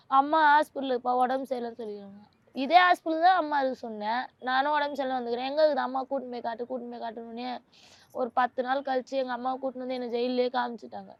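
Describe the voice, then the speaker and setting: A woman's voice: sits high, no room sound, highs cut off. A woman, a mother of two, speaks in an emotional interview in a pleading, aggrieved and insistent way.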